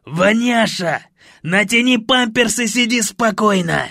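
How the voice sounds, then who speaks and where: A man doing a loud gravelly show-biz producer. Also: high-pitched, lively intonation, unhurried, no room sound, clean studio sound, pitched above the performer's own voice, exaggerated voice. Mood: boisterous. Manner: pushy, boisterous, shouting. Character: brash loud male music producer. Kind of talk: audiobook character voice.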